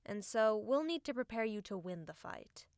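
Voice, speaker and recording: A woman performs an audiobook role as a serious, strategic young female fighter, explaining matters in a firm, instructive, matter-of-fact way. Her mid-range, slightly mellow voice swings widely in pitch at a normal pace, recorded dry with clean studio sound.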